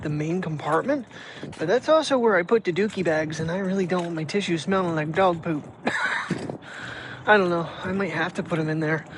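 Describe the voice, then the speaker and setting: A man's voice: sits high, background noise. A man chatting casually in a daily vlog, rambling and thinking aloud as he talks about gear and the cold weather. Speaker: daily vlogger. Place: outdoors at night, walking a dog. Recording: direct phone mic audio.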